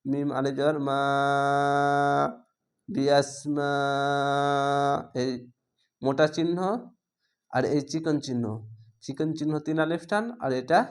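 A man's voice: on the high side, steady tone, normal speed, pauses often, a little mellow. A man teaching Quran reading, spelling out each syllable letter by letter and drawing out the long vowels in a patient lesson. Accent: Bangladeshi Bengali. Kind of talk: slow spelled-out recitation lesson.

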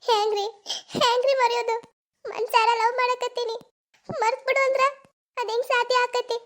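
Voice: level tone, normal speed, a bit bright. A voice actor playing a betrayed young village woman with a North Karnataka Kannada accent in a cartoon, sobbing and pleading. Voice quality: very high, sobbing pleas. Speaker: lover. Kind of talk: cartoon voice acting.

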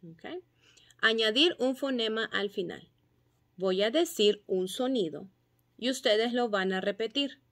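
A woman teacher patiently explaining phonics drills and sounding out syllables and letter sounds clearly. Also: on the high side, a little slow. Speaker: kindergarten teacher.

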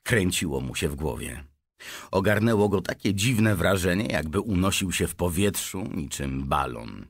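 A man reading a children's audiobook aloud with expressive storytelling. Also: sits low, normal speed, gravelly, slightly rough, dry recording, studio quality. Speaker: audiobook narrator.

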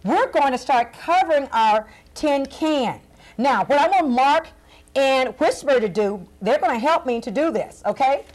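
High-pitched cheerful clown woman. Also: lively intonation, unhurried, a little mellow. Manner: sing-song, coaxing, addressing children. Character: cheerful female clown craft teacher. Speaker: arts and crafts host. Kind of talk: children's TV craft lesson.

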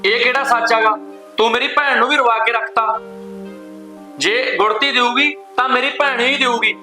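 Actor for a firm brother defending his sister; bright, high male voice, soft music behind. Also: steady tone, normal speed, full character voice. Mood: angry. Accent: Indian Punjabi. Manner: firm, scolding. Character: protective brother, angry at his wife. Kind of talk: village family short film acting.

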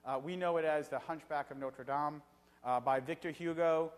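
A middle-aged man giving an evening lecture in a conversational way, pausing often on filler sounds. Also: on the high side, fairly even intonation. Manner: conversational, frequent filler pauses. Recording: reverberant hall.

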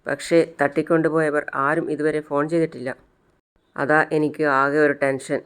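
A man voicing a steady young man who reassures his worried family, measured and calm. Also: fairly high pitch, smooth. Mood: reassuring.

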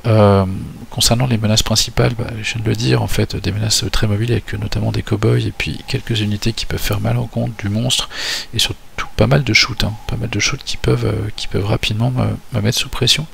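A man's voice: lowish voice, little pitch movement, a little fast, creaky, a little hiss or hum. A man walking through his tabletop army list for a battle report, talking hesitantly with many fillers and restarts. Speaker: tabletop wargame player.

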